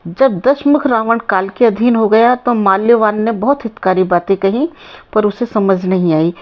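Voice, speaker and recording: Slow, measured woman storyteller. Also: medium pitch, lo-fi sound. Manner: slow, measured, formal address. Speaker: host reciting and explaining scripture. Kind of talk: devotional storytelling and verse recitation.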